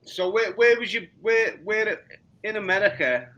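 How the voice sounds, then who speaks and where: A man in his forties with a Liverpool accent, interviewing a guest with halting, repeated words. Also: high-pitched, expressive, pushed and bright, lo-fi sound. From Liverpool, England. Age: 40s. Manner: repeats words, stumbles into questions. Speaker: podcast interviewer. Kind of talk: casual interview.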